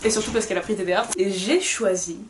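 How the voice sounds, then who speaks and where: A woman's voice: mid-range voice, quick pace, slight background noise. A young woman co-hosting a casual book review, hesitant with many fillers and wry asides.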